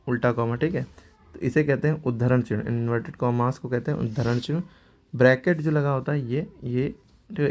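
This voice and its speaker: Man, gravelly voice, teacher, patient grammar lesson, repeats himself to check understanding. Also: medium pitch, a little mellow. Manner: patient, repeats "ठीक है" often. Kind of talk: explaining grammar to students.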